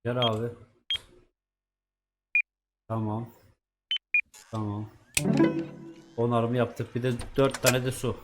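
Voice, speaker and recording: Gaming host, male, loose swearing play-by-play over clear background music. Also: medium pitch, little pitch movement, takes it slowly, pauses often. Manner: chatty, swears at characters, talks to himself while playing. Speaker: gaming YouTuber. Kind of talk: casual let's-play commentary.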